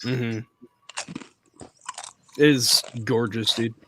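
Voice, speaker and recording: A laid-back young man drawls through the chat very slowly, cracking crude jokes and laughing at his own lines. A faint hiss sits behind his voice. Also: mid-range voice, steady tone, a bit bright. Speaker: co-host of a watch-along. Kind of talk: casual chat among friends.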